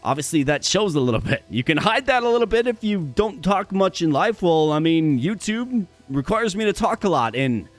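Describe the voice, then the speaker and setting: This male gaming streamer talks in a high-pitched, animated way at normal speed with few pauses, casually addressing his viewers over soft background music. He sounds upbeat and chatty, though his voice is strained and worn, and he occasionally stutters and repeats words.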